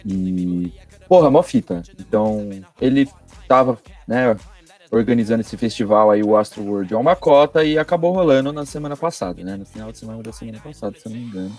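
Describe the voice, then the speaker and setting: A man's voice: on the low side, expressive, fairly quick, darkish tone, soft background music. A Brazilian man hosting a podcast in casual chat full of informal street slang. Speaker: podcast host. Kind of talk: casual chat, presenting a music and news podcast.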